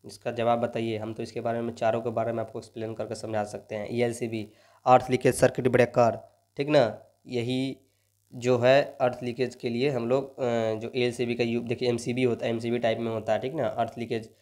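A man's voice: mid-range voice, level tone, fairly quick, darkish tone. A young man, a coaching teacher who solves exam questions and keeps coaxing his students, tagging his sentences with a constant "right?". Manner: repeats "ठीक ना" as a tag, coaxing and motivational. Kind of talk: lecture solving exam questions.

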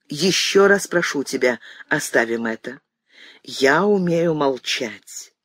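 Woman reader doing a tired anguished son in an audiobook, low and pleading, husky, dry sound. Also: dry recording, heavily acted. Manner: pleading, restrained, then bitter. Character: anguished grown son, weary, pleading, bitter.

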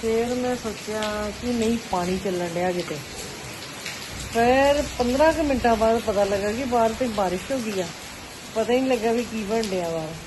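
A woman's voice: on the high side, moderate pace. Chatty Punjabi woman vlogging over rain noise. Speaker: vlogger, channel host. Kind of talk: casual home vlog narration. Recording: noisy, rain sound behind the voice. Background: rain falling.

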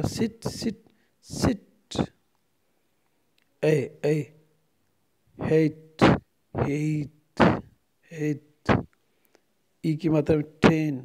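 A man's voice: on the high side, darkish tone. A middle-aged man with an Indian accent, a native Hindi speaker, teaching a phonetics lesson. He repeats each word aloud several times as he drills the vowel sounds. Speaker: English lecturer.

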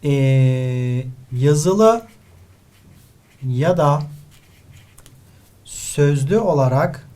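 A man's voice: a little high, expressive, very slow, long pauses, dark tone. A male literature teacher from Turkey working through an exam paper step by step, writing as he talks and often turning to his students. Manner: explains step by step, addresses students often, writes while talking. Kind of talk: exam-review lesson.

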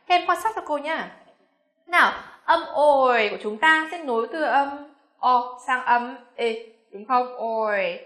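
A young woman with a Vietnamese accent teaching English pronunciation, coaxing and slowly repeating each word with frequent check questions. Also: sits high, pushed and bright, roomy sound. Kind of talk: classroom pronunciation lesson.

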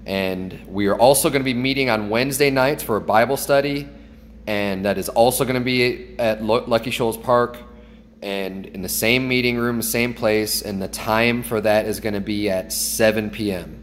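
A man's voice: lowish voice, moderate pace, in a large hall, a little hiss or hum. A man in his thirties, a pastor, making an earnest, upbeat announcement into a phone held at arm's length in his kitchen. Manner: earnest, upbeat, with small restarts. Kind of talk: casual church announcement. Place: kitchen at home, indoors.

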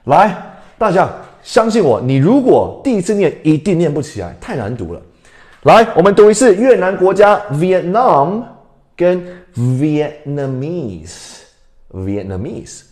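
A man's voice: high-pitched, very animated, moderate pace, darkish tone. A young adult man from Canada teaching an English lesson on a livestream, switching between Mandarin and English and quizzing his viewers.

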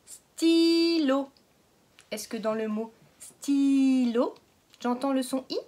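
A woman teaching a phonics lesson to young children, stretching out each word slowly and patiently asking questions. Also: high voice, fairly even intonation, dark tone. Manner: slow, exaggerated word pronunciation. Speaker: kindergarten teacher.

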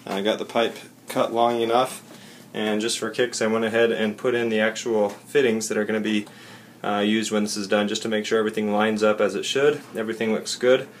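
Low, flat-voiced man explaining a DIY job. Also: a little fast, a little hiss or hum. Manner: plain, step-by-step explaining with fillers and self-corrections. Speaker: DIY instructor. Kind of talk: casual how-to demonstration. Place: unfinished basement bathroom, indoors. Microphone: camera mic, filming handheld and close.

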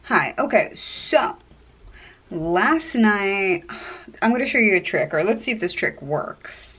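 A vlogger in her thirties talks casually into a phone camera held at arm's length, chatty and often exasperated, in settings that shift between outdoors and home. Her medium-pitched voice is lively, slow, a bit bright, and slightly rough.

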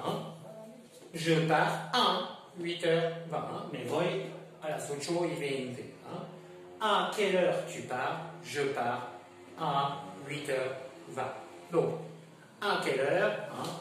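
A man teaching French to Spanish speakers, explaining slowly and repeating each example, switching between French and Spanish. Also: on the high side, a bit bright, a little hiss or hum. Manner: slow, repetitive explaining, mixing French and Spanish. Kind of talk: bilingual classroom lesson. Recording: echoey room from far off.

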